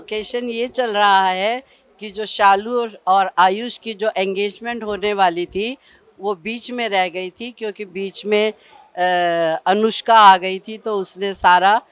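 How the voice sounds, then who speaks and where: A woman giving an on-set interview about a serial's storyline, speaking haltingly with many fillers. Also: mid-range voice, steady tone, smooth. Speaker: actress in the serial.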